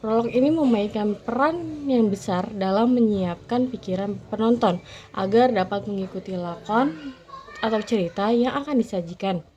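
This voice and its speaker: Woman with a mellow voice reading a lesson. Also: mid-range voice, normal speed, dull audio, a little hiss or hum. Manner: reads definitions with occasional fillers. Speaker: presenter.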